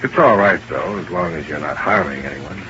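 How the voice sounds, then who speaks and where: Tough old-time radio detective, low voice, short clipped lines, muffled hissy broadcast. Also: male voice, normal speed, sharp tone. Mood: cold. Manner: terse, clipped first-person narration. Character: hard-boiled male private investigator. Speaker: insurance investigator and narrator. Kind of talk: 1950s radio drama acting.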